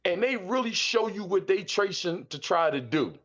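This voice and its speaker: On muffled Discord call audio, a man in his 50s from South Philadelphia calls in to chat, blunt, slangy and repetitive. His voice sits high and is expressive and fairly bright, moving at normal speed.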